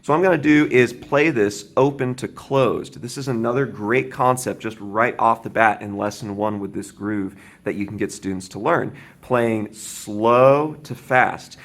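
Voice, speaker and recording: A man teaching drums, explaining a beginner beat and counting aloud with a steady, patient manner, often checking in with "right?". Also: fairly low pitch, moderate pace, hardly any pauses. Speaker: drum teacher. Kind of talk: instructional demonstration. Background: drum kit playing.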